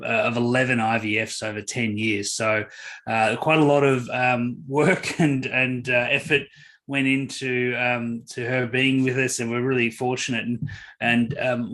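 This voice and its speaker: A man's voice: medium pitch, a bit bright. A middle-aged man, a guest on a podcast interview, talking earnestly with lots of "um" and "uh". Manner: earnest, storytelling, many fillers. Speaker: guest speaker.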